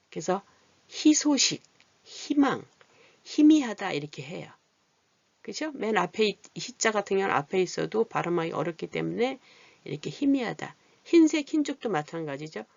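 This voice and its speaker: An adult literacy teacher explaining vowels patiently, asking rhetorical questions and reading example words slowly. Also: medium pitch, creaky, a little mellow, no echo, lo-fi sound. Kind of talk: Korean vowel lesson.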